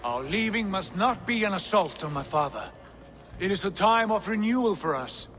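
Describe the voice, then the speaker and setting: A man's voice: sits high, lively intonation, normal speed, fairly bright tone. A man playing a proud, fiery Viking prince in a video game, giving commanding, formal speeches to his clan. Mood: stern. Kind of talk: dramatic video game cutscene oratory. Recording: long reverberant hall, music behind.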